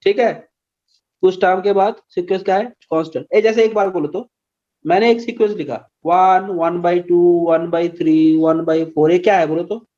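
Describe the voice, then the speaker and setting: A man teaching an online maths class, slowly quizzing his students with patient questions. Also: sits high, fairly even intonation, dark tone, dull audio.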